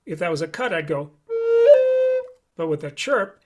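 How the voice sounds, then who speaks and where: A man's voice: on the high side, animated, moderate pace, over loud music. A man teaching a live online flute lesson, explaining each step patiently.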